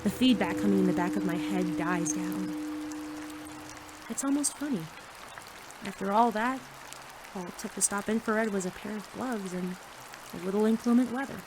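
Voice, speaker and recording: Over music, a woman with a mid-range, close-to-everyday voice performs as a cocky, earnest teenage rookie superhero, mixing audio drama acting with first-person narration. Her pace is moderate, broken by long pauses. She comes across as excitable and sarcastic, yet earnest as she narrates.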